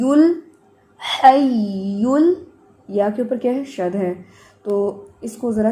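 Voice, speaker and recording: A woman teaching Quran recitation in an online class. She patiently corrects her students' mistakes, checks in with them, and models each word in slow, drawn-out recitation. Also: fairly high pitch, mellow.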